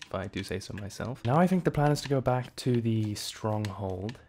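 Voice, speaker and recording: A man's voice: lowish voice, expressive, normal speed, a little mellow, a little hiss or hum. A man giving casual gameplay commentary, loose and chatty, drifting into reflective remarks. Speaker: gaming channel host.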